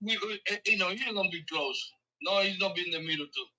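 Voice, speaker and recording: A man's voice: sits high, fast, bright, forceful tone, distant mic. An older man from the Dominican Republic, selling a property on a phone call, speaking in broken English with short firm refusals. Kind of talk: casual phone negotiation.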